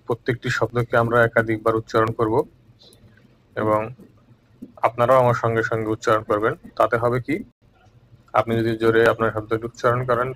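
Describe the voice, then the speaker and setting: A man from Bangladesh teaching a recorded language lesson, calm and measured, repeating each word twice. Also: medium pitch, a little hiss or hum, rough recording.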